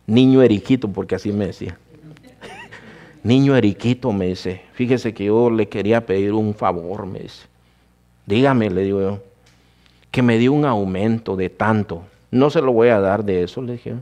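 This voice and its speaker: A man's voice: lowish voice, normal speed, dark tone. A man preaching a sermon, telling his own testimony and calling his listeners brother. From Guatemala. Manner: addresses listeners as brother, storytelling.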